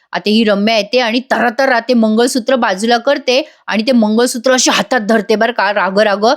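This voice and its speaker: A woman doing a voice-over review of a serial episode, amused and chatty, talking straight to viewers. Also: on the high side. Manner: gossipy, amused, addresses viewers.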